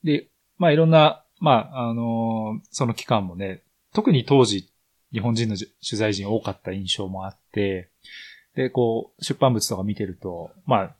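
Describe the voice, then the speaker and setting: A man's voice: on the low side, moderate pace, darkish tone. A man hosting a podcast interview. He asks long, winding questions in a polite tone.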